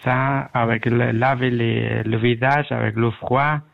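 This Afghan-accented man phones in to a radio program from his home. His medium-pitched voice is slow and creaky with fairly even intonation, and the line sounds tinny and narrowband; polite and halting, he gropes for words while talking in a second language.

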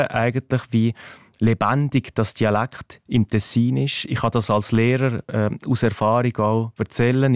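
His medium-pitched voice is a little mellow, recorded dry in the studio. The man is a teacher from Ticino, Switzerland, guesting on a radio interview where he explains calmly, coming across a touch hesitant and thoughtful.

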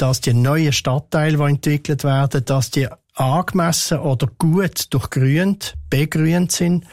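An older man who heads the city's tree and green space department answers radio interview questions in a calm, measured, thoughtful way. His pitch is ordinary for a man, and he hesitates often as he thinks aloud. The sound is close and dry, with no room echo.

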